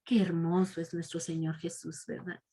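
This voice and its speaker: A woman teaching a children's Bible lesson as a storyteller. She keeps checking in with a soft "¿verdad?" and sometimes drops to a whisper. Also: on the low side, level tone, moderate pace, breathy edge.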